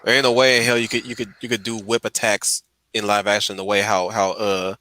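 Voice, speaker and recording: A stream host chats casually about films in a lowish, brisk voice with a sharp tone and little pitch movement. His style is emphatic and slangy, and he often repeats his phrases.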